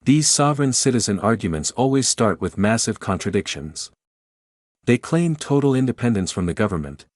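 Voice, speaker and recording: A man's voice: lowish voice, no room sound, studio quality. A man reading scripted video commentary in a mocking, sarcastic manner. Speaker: narrator.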